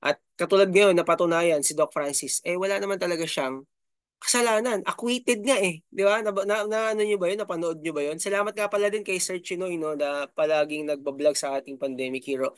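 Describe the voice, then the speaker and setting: A high-pitched, fairly quick middle-aged man from the Philippines hosts a YouTube channel, speaking with fairly even intonation and a clean tone. His casual commentary is chatty and full of fillers, with frequent "no?" and "di ba?". Dry, clean studio recording.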